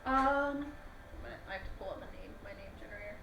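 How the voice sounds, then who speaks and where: Calm woman game master at home, bright tone, slight room noise. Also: mid-range voice, fast, roomy sound, rough recording. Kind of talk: casual tabletop game chat. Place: living room with a couch.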